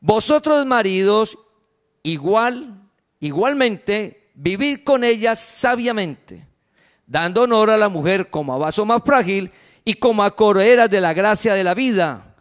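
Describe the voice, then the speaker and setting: A woman's voice: animated, a little slow. A woman from Colombia with a Santander accent preaching a sermon, emphatic and full of rhetorical questions. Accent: Santander Colombian Spanish. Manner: acts out quoted voices in a lowered tone.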